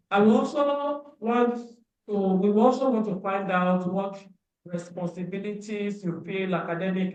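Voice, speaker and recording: A man moderating a panel, asking questions slowly with pauses. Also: high-pitched. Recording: distant, very echoey, dull audio.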